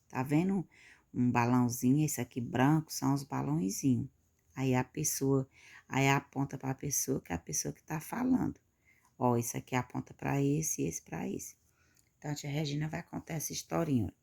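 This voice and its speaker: Brazilian lady teacher doing a class for little kids, slow and patient, kinda gravelly dark voice. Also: extremely low pitch. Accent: Brazilian Portuguese. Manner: slow, patient explaining, pointing at the book with "ó". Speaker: schoolteacher. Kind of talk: recorded remote lesson for young pupils.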